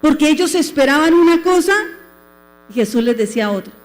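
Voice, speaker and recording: High-voiced Colombian woman preaching. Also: lively intonation, a little fast, darkish tone, big-room sound, faint music behind. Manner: preaching with questions to the congregation and acted-out quotes. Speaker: pastor. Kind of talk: sermon. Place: church.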